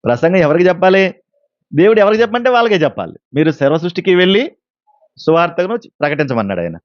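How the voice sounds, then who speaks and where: A man preaches at a brisk clip in a slightly high voice, mixing a story with questions to his listeners. The sound is dry and a bit dull, with a lo-fi feel. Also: big pitch swings, no room sound. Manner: storytelling with questions to the congregation and acted quotes. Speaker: pastor. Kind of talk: sermon.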